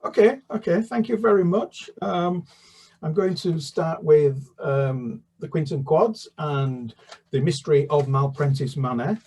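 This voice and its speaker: A British children's author with a slightly rough, somewhat high voice talks about his books, stumbling through restarts and fillers. After that, he reads a chapter aloud in a steady narrating tone.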